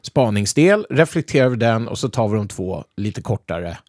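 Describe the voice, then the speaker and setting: A man hosting a podcast in relaxed, rambling casual chat, often hesitating. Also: lowish voice, no echo, studio quality. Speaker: podcast host.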